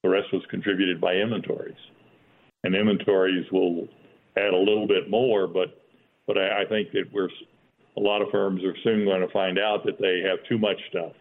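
A man giving economic commentary as an expert guest, speaking in a halting, measured way with repeated words. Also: deep voice, flat delivery, narrow, tinny audio, slight background noise.

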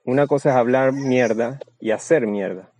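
A man's voice: medium pitch, normal speed, a little mellow, poor audio. A man giving a blunt, crude and boastful seminar talk as a Spanish voice-over, often restarting his phrases. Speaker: seminar speaker.

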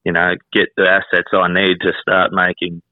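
A man's voice: low-pitched, completely flat delivery, normal speed, no echo. A man in his twenties with a rural Queensland Australian accent, chatting plainly and laconically as an interview guest. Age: 20s. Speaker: country singer and rodeo cowboy, interview guest. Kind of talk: casual interview chat. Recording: muffled, roughly phone-like line, dry.

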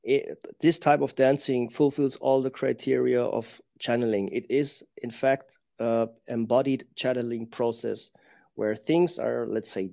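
A man who is not a native English speaker, talking reflectively as an interview guest in careful, halting English, searching for words. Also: mid-range voice, creaky, warm tone. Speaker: interview guest, professional dancer. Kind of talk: reflective conversation. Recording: dull lo-fi sound.

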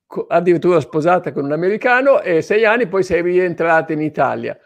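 A man's voice: sits high, lively intonation, a little fast, no echo. A man hosting an informal online interview in a playful, chatty way. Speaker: host of an online interview show.

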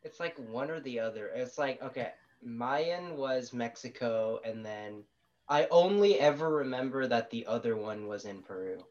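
A man's voice: mid-range voice, expressive, moderate pace, darkish tone. A young man joining a trivia game over a laggy video call, making dry, mumbled asides. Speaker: quiz contestant. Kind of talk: casual online chat. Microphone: video call with lag. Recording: dull lo-fi call audio.

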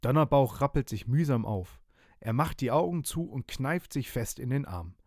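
A man's voice: medium pitch, lively intonation, moderate pace, darkish tone, dry recording, studio quality. A man reading a bedtime story aloud in a playful, cozy way.

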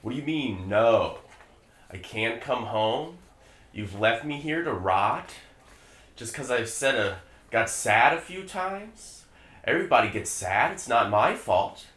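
A man's voice: mid-range voice, lively intonation, takes it slowly, roomy sound. A man reading a desperate, bitter middle-aged father in a comedy script reading, shifting from pleading to cruel abuse. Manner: pleading, then turns cruel and shouting. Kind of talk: comedy script table read.

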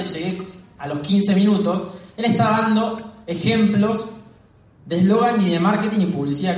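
Brief: Argentine man, fast and chatty business speaker, higher voice, distant mic in a very echoey hall. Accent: Argentine Spanish. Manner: fast-talking, storytelling, chatty with the audience. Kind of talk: live talk to an audience.

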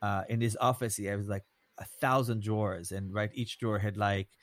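Low-voiced American man hosting, halting delivery. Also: flat delivery, no room sound. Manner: halting, circling, frequent "right" and "like" tags. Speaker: host, rabbi. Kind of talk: conversational podcast hosting.

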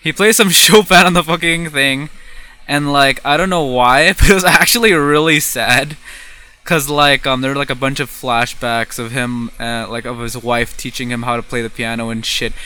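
A teenage man tells a story in a casual podcast chat. His tone is bright and forceful, and he laughs often and swears freely. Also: mid-range voice, fairly even intonation, normal speed, clean tone. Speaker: podcast co-host.

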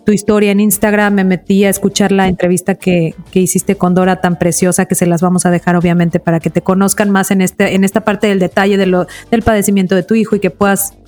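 Gentle woman podcast host. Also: medium pitch, flat delivery, fast, hardly any pauses, faint music behind. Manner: gentle and reflective, asks open questions. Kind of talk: interview chat.

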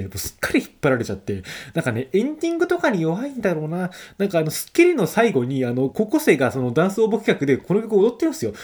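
A man talks quickly and loosely through his own solo radio-style show, slurring his words a little as he rambles. His voice swings widely up and down in pitch. There is a husky, breathy edge to his tone. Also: darkish tone. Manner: rambling, chatty, self-deprecating asides. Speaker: podcast host. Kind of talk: casual solo radio-style podcast talk.

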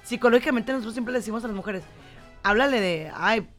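A woman's voice: fairly high pitch, fast talker, faint music behind. A Mexican woman co-hosting a casual radio chat, chatty and teasing, giving relationship advice with lots of fillers. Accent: Mexican Spanish. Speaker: co-host, psychology commentator.

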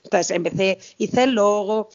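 A woman's voice: medium pitch, normal speed, a little mellow, muffled recording. A woman in her thirties from Spain, telling a story as an interview guest in a chatty way, with many restarts and quoted dialogue. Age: 30s. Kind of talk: casual interview chat.

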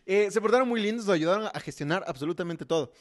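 A young man with a fairly high voice chats on a comedy podcast. He tells his story loosely and keeps breaking into laughter. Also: lively intonation, quick pace. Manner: chatty storytelling, laughs often. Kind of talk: casual comedy podcast chat.

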